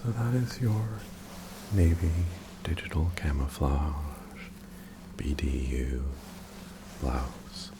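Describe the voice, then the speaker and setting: A man in an ASMR role-play as an attentive, courteous tailor, breathy and softly presenting his wares to a customer. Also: very deep voice, very animated, takes it slowly, long pauses, very noisy. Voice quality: breathy, mostly soft-spoken.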